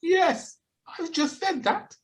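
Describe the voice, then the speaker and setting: A woman's voice: very high voice, animated, takes it slowly, full character voice. A woman playing a long-suffering, grumbling male owl in an audio play, dry and exasperated in manner. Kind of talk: community audio play of children's classic. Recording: home video-call recording.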